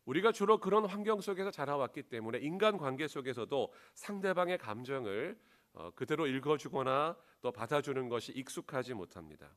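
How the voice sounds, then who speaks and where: A man's voice: medium pitch, lively intonation, fairly quick, a bit bright. A man preaching a sermon as a pastor, engaging the congregation with questions.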